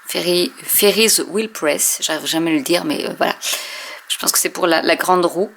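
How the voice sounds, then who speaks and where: A woman casually showing and testing inks, hesitating often with many fillers and often trailing off softly. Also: low-pitched, steady tone, fairly quick, a little hiss or hum. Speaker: craft video host. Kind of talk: casual product demo.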